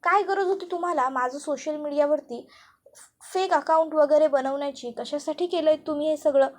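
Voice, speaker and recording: A woman's voice: high-pitched, moderate pace, close to an everyday voice. A woman doing an exasperated young husband. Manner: exasperated protest. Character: irritated young husband, flustered.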